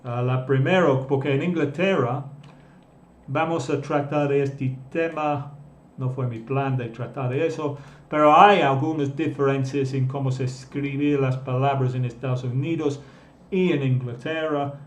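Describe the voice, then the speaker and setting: A male English teacher talks slowly and carefully in a live online class, repeating each key word and definition. His voice sits at an ordinary middle pitch. The room echoes, with faint keyboard typing behind him. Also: fairly even intonation. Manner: slow, deliberate, repeats key words and definitions.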